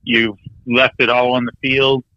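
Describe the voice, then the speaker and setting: A man's voice: medium pitch, flat delivery, unhurried, sharp tone, dry recording, muffled recording. A man calling in to a casual chat, confidently explaining slang to the others. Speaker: guest caller.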